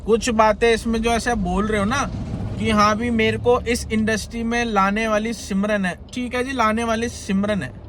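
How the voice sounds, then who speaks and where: A man, ranting in an indignant, rambling way to his viewers, recording on a phone while in a car on the highway. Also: level tone, moderate pace, background noise. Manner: indignant, rambling, repeating himself. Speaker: content creator. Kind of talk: agitated vlog rant to viewers.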